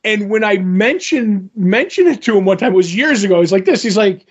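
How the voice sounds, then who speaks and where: High-voiced man in his fifties telling rambling stories. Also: expressive, a little fast, husky, lo-fi sound. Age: 50s. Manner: rambling storyteller, acts out quoted exchanges, laughs easily. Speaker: podcast co-host. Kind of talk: casual chat.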